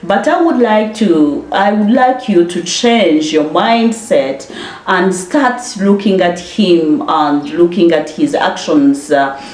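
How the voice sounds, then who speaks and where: Slow, halting woman from Rwanda. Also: on the low side, a little mellow, reverberant. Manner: halting, many filler pauses. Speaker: commentator addressing viewers. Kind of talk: direct-to-camera personal address.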